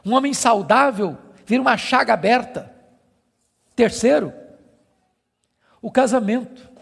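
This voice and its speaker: Brazilian pastor, gravelly, preaches emphatically with repetition in a reverberant church. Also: male voice, extremely high pitch, a little slow. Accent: Brazilian Portuguese. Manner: emphatic preaching with rhetorical repetition, dropping to a hush. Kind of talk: sermon. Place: church service.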